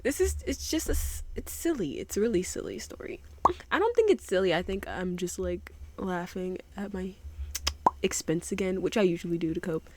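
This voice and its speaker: A woman's voice: on the low side, lively intonation, normal speed, background noise. A young woman vlogging a casual storytime, often laughing at herself and breaking off mid-sentence. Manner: giggly, self-deprecating, interrupts herself.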